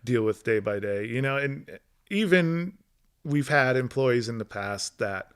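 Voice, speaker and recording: A man's voice: medium pitch, expressive, a little slow, smooth. A middle-aged man who owns an electrical business, chatting as an interview guest and telling work stories with an easygoing, rambling manner. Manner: easygoing storyteller, many fillers and restarts. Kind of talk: casual interview chat.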